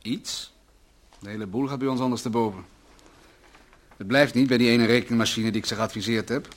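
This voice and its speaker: A man acts the part of an earnest, anxious husband in a radio play, a brooding economist at a company who leans on rhetoric during domestic scenes. He speaks briskly at medium pitch, keeping his tone steady and his performance light.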